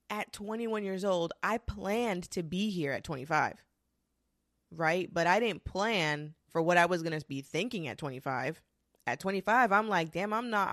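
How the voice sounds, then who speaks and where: A woman in her twenties talking casually and candidly to the camera, swearing freely and rushing through quick bursts. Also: lowish voice, no echo, clean studio sound. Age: 20s. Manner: candid and profane, with frequent restarts and quick bursts. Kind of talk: casual confessional monologue.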